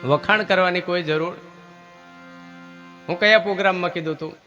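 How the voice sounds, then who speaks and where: A man's voice: sits high, fairly even intonation, normal speed, sharp tone, dull audio, soft background music. A man giving a village sermon, asking his listeners questions and teaching. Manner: preachy, asks listeners questions. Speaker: religious teacher. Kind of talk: village sermon with devotional singing.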